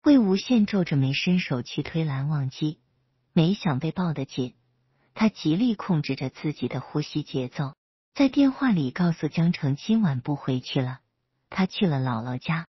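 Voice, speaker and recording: A woman storyteller reads a romance story aloud in a soft, steady manner. Her low voice is very husky and breathy. The recording is dry and dull, with a lo-fi sound. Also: moderate pace, no echo. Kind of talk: reading romance fan fiction aloud.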